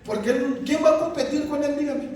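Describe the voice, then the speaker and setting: A man's voice: very high-pitched, brisk, darkish tone. A man preaching an emphatic sermon, calling out to his congregation. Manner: emphatic, addresses the congregation as "iglesia". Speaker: pastor. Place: church hall. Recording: echoey hall, distant mic, faint noise.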